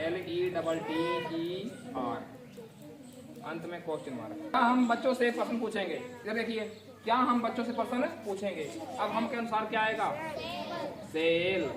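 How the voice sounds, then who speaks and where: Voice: mid-range voice, far from the mic. A teacher runs a grammar lesson, spelling each word out and firing questions at the class. The voice sits back from the mic in an echoey classroom, with a crowd of students chiming in behind. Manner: spells words letter by letter and quizzes the class. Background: class of students answering.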